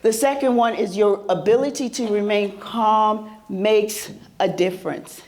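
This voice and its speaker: Here a woman leads a live workshop at a mental health symposium, her mid-range voice carrying a darkish tone at a measured pace. She sounds soothing and conversational, frequently turning questions back to the room.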